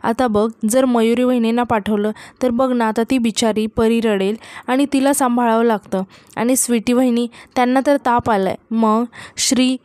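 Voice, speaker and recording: Woman reading a calm young husband, patient and reasoning, fairly high voice, dry. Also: no echo, close to an everyday voice.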